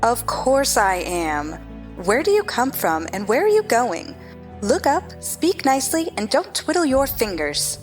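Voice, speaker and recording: A woman's voice: on the high side, sing-song, a little slow, faint music behind. A woman playing a haughty, bossy chess-piece queen who gives imperious, scolding orders in a theatrical stage-play reading. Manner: imperious, clipped commands, scolding.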